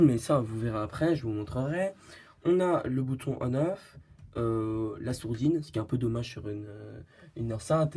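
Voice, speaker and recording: Warm and husky at medium pitch, this man hosts a tech review channel and talks through a product casually. He hesitates often, restarts sentences, fills gaps, and makes giggly, self-mocking jokes.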